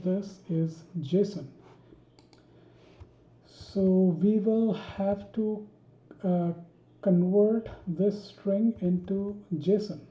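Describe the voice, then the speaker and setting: A woman teaching a coding tutorial, thinking aloud with many pauses, ums and restarts while she types. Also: medium pitch, mellow. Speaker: programming tutor. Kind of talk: screen-recorded coding tutorial. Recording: dull roomy home recording.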